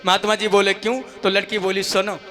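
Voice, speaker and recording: A man's voice: high voice, level tone. A man telling a devotional folk story, voicing the quoted speakers as he narrates. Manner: narrates with voiced quotes, breaks into long drawn-out song. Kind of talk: sung and spoken devotional story. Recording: long hall reverb with music behind.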